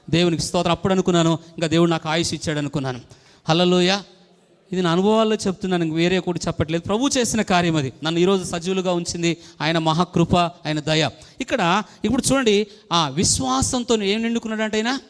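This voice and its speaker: Fervent fast-talking male pastor. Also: high-pitched, big-room sound. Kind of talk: testimony sermon. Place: church hall.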